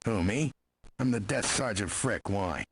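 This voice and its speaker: An actor playing a weary, gruff police desk sergeant in a video game, husky and blunt. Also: male voice, lowish voice, expressive, measured pace, exaggerated voice. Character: weary gruff middle-aged New Orleans desk sergeant.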